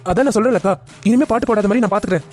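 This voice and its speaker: A man's voice: sits high, racing, darkish tone, faint music behind, lightly acted. A man voicing a firm, exasperated young man in a cartoon family drama. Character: angry, protective young man.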